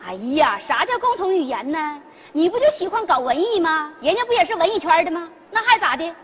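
A woman's voice: very high voice, sing-song, a little hiss or hum. An actress playing a bossy, blunt mother, on a stage with a laughing audience. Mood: scolding. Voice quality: brash, fast-talking, scolding. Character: bossy blunt northeastern mother, middle-aged woman. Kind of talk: comedy sketch on stage.

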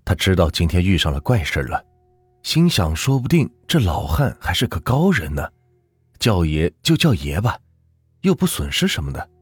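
A low-voiced man tells a folk ghost story with lively, rising and falling intonation. His voice is husky. The recording is dry, with faint background music. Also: normal speed, dry recording.

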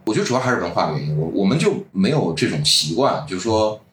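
A man with a low voice and swooping intonation hosts a casual interview. He explains things in stop-start phrases with a gently joking touch, in a roomy, echoing space. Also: big pitch swings, quick pace. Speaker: podcast host. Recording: roomy echo with faint background noise.

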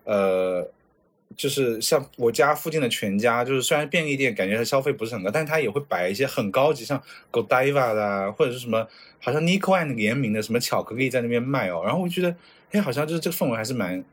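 A man from China talking fast in a casual podcast chat, his voice swooping up and down as he tells his stories. There's a husky edge to his tone, and he slips into the voices of the people he's describing. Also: medium pitch. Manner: lively storyteller, mimics voices in his stories. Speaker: podcast co-host. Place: lives in Japan.

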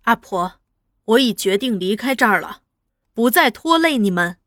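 A woman's voice: a little high, expressive, moderate pace, fairly bright tone, dry recording, studio quality. A woman voicing a fervent young revolutionary woman. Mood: earnest. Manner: firm, fervent, emphatic. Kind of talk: audiobook character voice.

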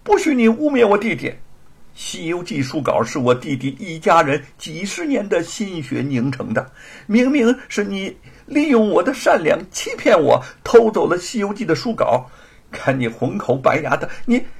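A man voicing an outraged elder sister in a storytelling performance, with a husky voice. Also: high-pitched, sing-song, normal speed, pitched above the performer's own voice, full character voice. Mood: furious. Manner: shouting in outrage. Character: indignant elder sister, furious woman.

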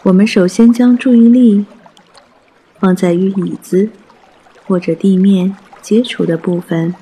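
A man guiding a mindfulness meditation in a soft, hushed, breathy voice, gentle and soothing, with long pauses. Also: sits high, fairly even intonation. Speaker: meditation guide.

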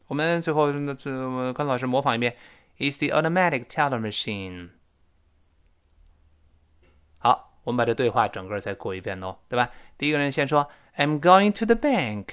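A man's voice: medium pitch, animated, normal speed, a bit bright, clean tone. A man teaching a spoken English lesson, explaining pronunciation and modeling phrases for learners to repeat.

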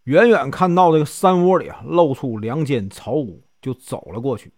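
A man's voice: mid-range voice, lively intonation, moderate pace, a little mellow, dry recording, clean studio sound. A man with a Northeastern Mandarin accent telling a classic novel as a chatty storyteller, drawing out his sentence particles.

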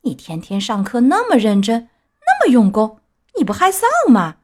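A woman voicing a gang of rude, mocking schoolboys in a storybook reading, shrill, jeering and shouty. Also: huge pitch swings, normal speed.

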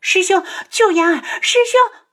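A woman's voice: extremely high pitch, a little slow, sharp tone, pitched above the performer's own voice, heavily acted. A woman voicing a frightened, clingy young woman who pleads in a tearful, sobbing voice. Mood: shrieking.

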